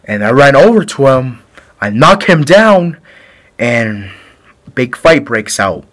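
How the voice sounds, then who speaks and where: A man playing a male killer who confesses a brutal fight in a halting, rambling way, in an amateur home-video drama. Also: mid-range voice, very animated, a bit bright. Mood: flat confessing. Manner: halting, rambling storytelling with restarts.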